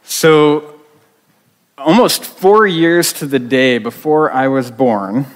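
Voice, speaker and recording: A man's voice: a little high, takes it slowly. A man preaching a sermon as a youth pastor, talking conversationally with many fillers and restarts. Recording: long reverb of a large hall.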